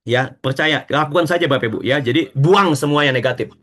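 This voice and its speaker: A man giving a lively motivational talk to network marketing members, urging them on and acting out short dialogues. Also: a little high. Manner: animated and exhortative, acting out quick dialogues.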